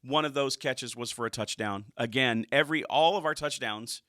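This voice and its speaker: A man co-hosting a casual football stats show, enthusiastic and quick to laugh, dropping quieter when he reflects. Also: medium pitch, no room sound, studio quality. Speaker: co-host of a high school football stats show. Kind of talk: casual sports chat.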